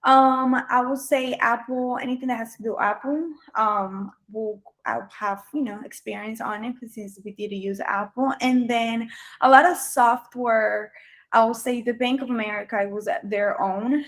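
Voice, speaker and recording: This is a young woman from Colombia, Spanish her first language, interviewing for a job by video call. She speaks at a moderate pace in a fairly high, steady voice, yet her answers are hesitant and packed with ums and false starts.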